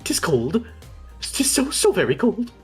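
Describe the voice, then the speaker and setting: A reader voicing an excitable sheep girl who speaks in old-fashioned thee-and-thou phrasing. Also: medium pitch, a little slow, soft background music, voice pushed up. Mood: shivering plaintive.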